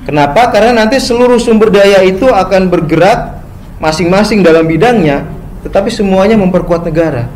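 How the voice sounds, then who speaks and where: Male lecturer, slightly high-pitched, talks in tagged phrases with fillers, faint ambient noise. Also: fairly quick, a little mellow, low-quality recording. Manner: frequent "gitu ya" tags, hesitant fillers. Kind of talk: spoken lecture.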